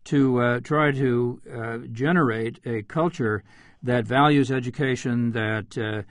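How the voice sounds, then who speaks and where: Halting male radio host. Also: medium pitch, no echo. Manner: halting, stumbles over names, many fillers. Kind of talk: radio panel moderation.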